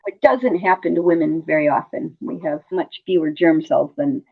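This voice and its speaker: A middle-aged woman speaks in a fairly low voice over a narrow, phone-like connection. She sounds like a nurse in an interview, talking conversationally and repeating words to stress her point. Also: moderate pace, gravelly, breathy edge. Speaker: hospice nurse interview guest. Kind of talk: conversational personal storytelling. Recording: muffled phone-like line.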